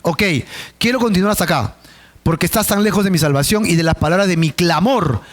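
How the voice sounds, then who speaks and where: High-voiced pastor preaching. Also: male voice, brisk. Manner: dramatic, vivid storytelling. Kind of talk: Bible study sermon.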